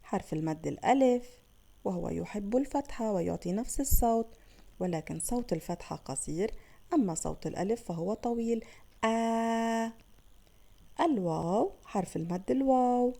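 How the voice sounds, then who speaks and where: Very dark-voiced woman teaching children. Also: mid-range voice, gravelly. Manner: slow, drawn-out sounding of letters with praise pauses. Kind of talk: children's phonics lesson.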